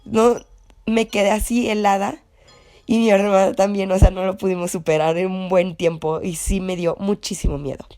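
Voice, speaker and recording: A woman's voice: mid-range voice, level tone, moderate pace, a little mellow, soft background music. A young woman with a Mexican accent casually recounting a personal anecdote, rambling with many fillers and self-corrections. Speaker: story contributor.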